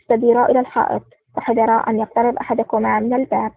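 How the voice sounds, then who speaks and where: A woman voicing a cool, sarcastic male spy hero in an audiobook, in a low-key reading, with a dry, tinny sound. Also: little pitch movement, very fast, breathy edge, no room sound. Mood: cold. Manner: cold and sarcastic.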